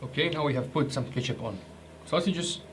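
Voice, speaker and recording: Reviewing rations for a casual vlog, this joking man speaks fairly quickly in a fairly high, somewhat bright voice, with slight background noise. Croatian is his first language, and his chatty delivery includes hesitations and restarts.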